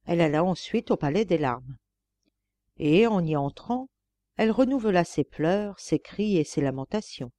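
Mellow woman narrating a classic tale. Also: lowish voice, no room sound. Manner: measured, expressive storytelling. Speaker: audiobook reader.

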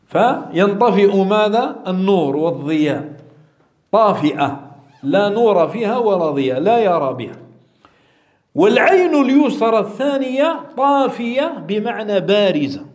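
Maghrebi man teaching hadith, high animated voice, repeats words, echoey room. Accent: Maghrebi Arabic. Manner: repeats key words, drawn-out emphasis, asks the audience questions. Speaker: Islamic teacher explaining hadith. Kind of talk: religious lesson commentary.

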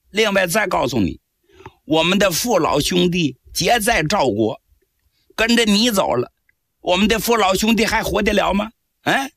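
A man voicing a blunt young foot soldier who rebuffs a prisoner with mocking, sharp retorts. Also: high voice, gravelly, dry recording, clean studio sound, pitched above the performer's own voice, full character voice.

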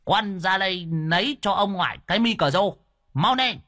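A man's voice: sing-song, unhurried, a bit bright, husky, full character voice. A man voicing a mischievous old village man, teasing and cackling in a raised voice. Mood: playful. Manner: cackling, teasing, high-pitched.

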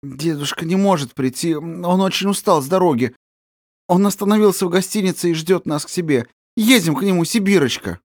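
A man's voice: a little high, lively intonation, normal speed, dry recording, studio quality, voice pushed up, close to an everyday voice. A man reading an audiobook voices a cunning woman who coaxes a child with false tenderness. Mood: soothing. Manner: honeyed, coaxing. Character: sly scheming woman feigning tenderness.

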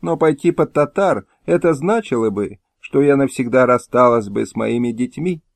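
A man's voice: mid-range voice, normal speed, gravelly, dry recording. A man voicing a frightened young mother who speaks in a pleading, apologetic way.

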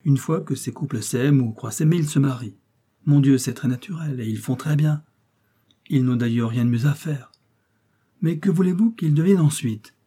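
Male reader plays a defiant young princess, husky and dark-toned, passionate speeches. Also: mid-range voice, lightly acted. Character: proud idealistic young Russian princess.

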